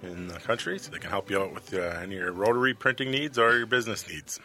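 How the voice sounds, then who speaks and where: Low-voiced man, podcast co-host. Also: fast, soft background music. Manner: relaxed, brief questions. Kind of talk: casual interview chat. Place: podcast studio.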